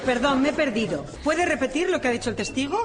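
A man putting on a prim, confused lawyer in a courtroom sketch, in falsetto. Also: animated, quick pace. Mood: formal.

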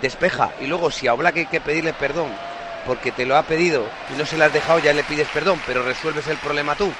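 A male pundit with a Spain Spanish accent analyses football on live radio. His voice sits a little high and he explains things insistently, with clear stadium crowd noise behind him. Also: fairly even intonation, quick pace. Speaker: football pundit, former player.

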